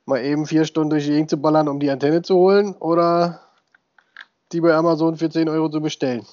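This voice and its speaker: A man's voice: a little high, little pitch movement, quick pace, darkish tone, dry recording. A married man in his thirties co-hosting a casual podcast, joking in easygoing banter. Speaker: podcast co-host. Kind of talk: casual chat. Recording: dull dry sound.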